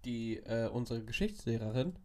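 Teen boy host, casual and chatty, trips over fillers, dry quick reactions. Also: mid-range voice, lively intonation, dark tone. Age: teens. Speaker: podcast host. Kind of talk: casual chat.

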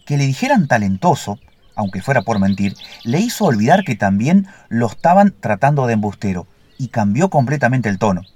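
A man narrating a fable as a storyteller in an expressive, measured way. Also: medium pitch.

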